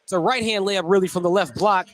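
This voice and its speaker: In an indoor basketball gym, an American man calls a game on live radio in clipped phrases. His voice is high, quick and a bit bright.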